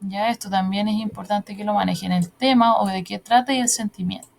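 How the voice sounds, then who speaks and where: A woman's voice: medium pitch, fairly even intonation, a little fast, creaky, slight background noise. A woman teaching an online class, patiently explaining step by step and checking in with her students often.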